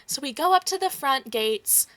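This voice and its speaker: A woman casually recapping a tabletop campaign, swearing freely, acting out quoted lines and dropping into quick whispered asides. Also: high voice, animated, a bit bright.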